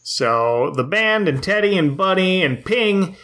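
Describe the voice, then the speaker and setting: A man's voice: sits high, expressive, unhurried, fairly bright tone. A man co-hosting a podcast, casually recapping a film in a wry, joking way. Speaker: podcast co-host.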